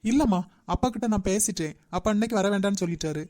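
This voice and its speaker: A woman voicing a friendly, easygoing young man in a cartoon, a polite son talking in a relaxed way. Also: medium pitch, quick pace, natural voice.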